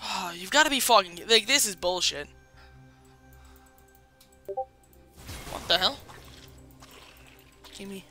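A loud young woman streaming a game with a friend, cursing and cheering her own plays. Her voice is bright and forceful, with faint music playing behind her. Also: medium pitch, lively intonation, slow, pauses often. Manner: loud, swears freely, hypes own plays. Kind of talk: casual gaming chat with a teammate.

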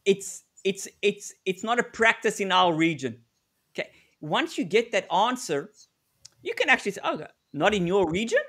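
Speaking at a normal pace, the man has a high, very animated voice that sounds pushed and bright. He's a middle-aged negotiation consultant from South Africa giving a live webinar by video call, chatting conversationally while he repeats words mid-thought and role-plays example exchanges.

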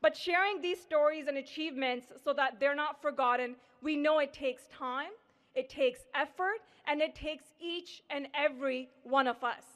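A woman's voice: high voice, normal speed, a bit bright, highs cut off. A woman delivers a ceremonial speech. She sounds middle-aged and speaks into a podium microphone as co-host of an event. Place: indoor hall, on stage at a podium.

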